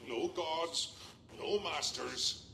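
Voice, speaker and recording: A gruff old fisherman of a pirate, with a gravelly, forceful voice in a roomy echo. He talks in slow, salty, hearty phrases as a carefree video game sea dog. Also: a little high, full character voice. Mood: hearty, easygoing. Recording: roomy echo, faint background noise.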